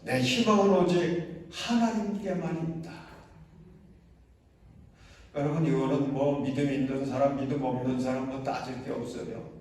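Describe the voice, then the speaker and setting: A man's voice: mid-range voice, a little slow, a little mellow. A middle-aged man preaching a sermon as senior pastor, emphatic and often rising to exhortations and questions to the congregation. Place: large church sanctuary. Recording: echoey church hall, mic from far off.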